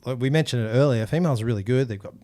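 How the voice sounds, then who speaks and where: Male podcast host, relaxed, chatty, casual interview, mid-pitched voice. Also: very fast. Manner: relaxed, chatty, laughs easily.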